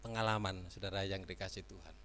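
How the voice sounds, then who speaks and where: A man with an East Javanese accent preaching a sermon as pastor, slipping Javanese into his talk and swinging between loud bursts and quiet asides. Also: deep voice, steady tone, fast talker, slight background noise. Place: large church hall. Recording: church hall reverb.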